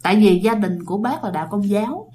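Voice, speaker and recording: A woman's voice: mid-range voice, animated, fast talker, dark tone, slight background noise. Chatty woman telling ghost stories. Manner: chatty, addresses listeners directly. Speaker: storyteller. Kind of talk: casual ghost story narration.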